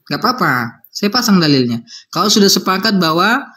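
A man's voice: high-pitched, expressive, moderate pace, pushed and bright. A man acting as a preacher in a heated religious debate, insisting and repeating his questions again and again.

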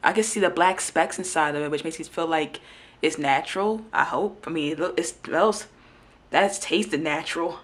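A woman's voice: low voice, normal speed. A young woman chatting informally and thinking aloud in slangy speech, recorded on a handheld camera in a home kitchen with background noise. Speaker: vlogger. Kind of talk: casual chatty food vlog. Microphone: handheld camera at arm's length.

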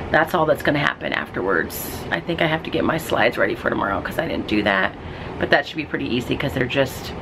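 A woman's voice: low voice, background noise. A woman teacher chatting casually in a daily vlog, rambling with lots of ums. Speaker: teacher and vlogger.

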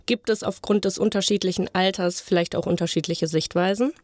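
A young woman presents a student podcast in a clear, read-aloud style. Her voice is mid-pitched and sounds dry and close, with no room around it. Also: fairly even intonation, brisk, darkish tone, no room sound. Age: young adult. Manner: clear, read-from-script delivery. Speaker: podcast co-host, journalism student.

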